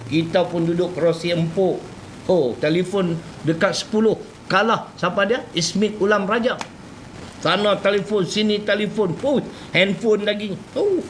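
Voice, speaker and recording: A man with a Malaysian Malay accent giving a lively, humorous religious lecture to an audience. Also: high voice, moderate pace, reverberant, slight background noise, rough recording. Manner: animated, jokey, switches between loud and soft. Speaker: preacher.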